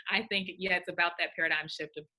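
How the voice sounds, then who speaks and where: Upbeat young woman guest, bright voice, slightly low pitch, emphatic delivery. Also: fairly even intonation, quick pace. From Houston, Texas. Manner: upbeat, emphatic, laughs easily. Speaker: podcast guest, career coach. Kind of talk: interview conversation.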